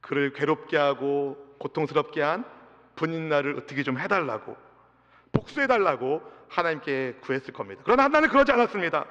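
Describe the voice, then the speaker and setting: A man, the senior pastor, preaching an impassioned sermon, swinging from loud cries to soft asides and leading his congregation in reading together. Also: a little high, lively intonation, a little fast. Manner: leads the congregation in responsive reading. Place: church sanctuary. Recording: dull reverberant church sound system.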